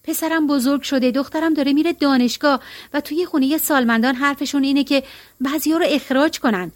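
A woman reading the part of a middle-aged woman who feels life slipping away, earnest and plaintive. Her voice rides high. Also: lightly acted.

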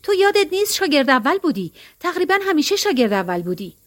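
A woman reading the part of a no-nonsense middle-aged woman who brushes worries aside, matter-of-fact and teasing. Her voice sits high and a little raised. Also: big pitch swings. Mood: blunt.

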